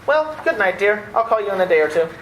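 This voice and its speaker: Lightly acting, a woman voices a sardonic, exasperated young man, a theatre critic in an old-time radio play, sounding flustered and frantic. She speaks fast and very animatedly at a medium pitch, recorded in an echoey room with some faint noise.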